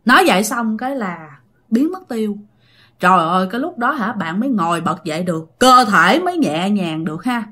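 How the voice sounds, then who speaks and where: A woman's voice: mid-range voice, animated, fairly quick, sharp tone. A woman with a Southern Vietnamese accent telling a ghost story in a chatty, dramatic way, talking straight to her listeners.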